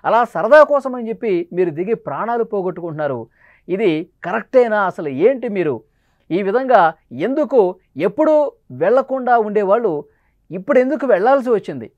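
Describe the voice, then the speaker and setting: A high-pitched man delivers news commentary at a brisk clip. His tone moves from pointed questions to grave reflection, and the recording is dry and dull, with a lo-fi edge. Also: animated, a little mellow, no room sound. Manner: urgent, questioning, somber. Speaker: news presenter.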